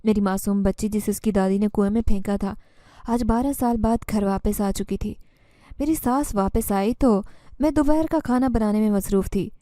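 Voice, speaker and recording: A woman narrating a story in the first person, with steady, expressive storytelling. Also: mid-range voice, dry recording, studio quality.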